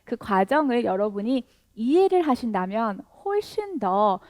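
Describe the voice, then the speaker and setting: Woman english teacher, slow and bouncy, keeps asking viewers questions, dry close sound. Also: a little high, no room sound. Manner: lively, encouraging, asks questions and laughs often. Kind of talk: video language lesson.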